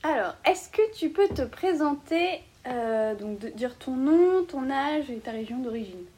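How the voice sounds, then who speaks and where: High-voiced woman asking interview questions. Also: expressive, unhurried, a little mellow, a little hiss or hum.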